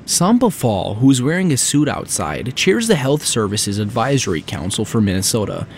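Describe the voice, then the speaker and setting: A man reporting a scripted radio news story with lively, emphatic reading. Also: medium pitch, normal speed, slightly rough.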